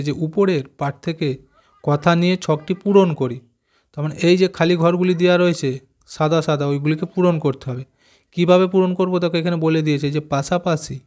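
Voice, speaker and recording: A slightly higher-pitched man teaches young pupils, breaking each word into its letters with patient, careful stress. He pauses to quiz them and then gives the answer himself. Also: a little mellow. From West Bengal, India. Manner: slow, careful spelling out of letters, asks pupils questions. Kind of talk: explaining a primary school textbook.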